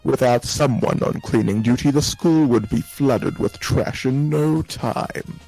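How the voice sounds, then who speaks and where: A man's voice: medium pitch, a little slow, vocal fry, warm tone, faint music behind, rough recording. A man reading an eager young student on cleaning duty. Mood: earnest. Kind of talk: reading game dialogue aloud.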